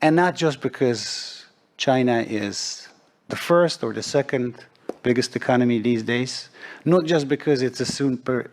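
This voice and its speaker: A middle-aged man from Serbia speaking as a forum panelist, measured and deliberate, with frequent pauses. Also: mid-range voice, gravelly. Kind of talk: panel discussion remarks.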